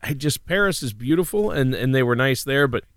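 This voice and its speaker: Smooth-voiced blunt man, dry sound. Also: mid-range voice, expressive, a little fast, no echo. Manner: blunt, opinionated asides. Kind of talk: casual chat.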